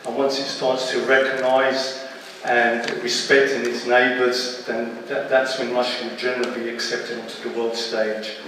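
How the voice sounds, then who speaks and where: A man's voice: mid-range voice, level tone, normal speed, fairly bright tone, a little hiss or hum. A man in his fifties from Britain speaking on a public panel, emphatic, with apologetic asides and a repeated "yeah". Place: large exhibition hall, indoors. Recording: distant mic in an echoey hall.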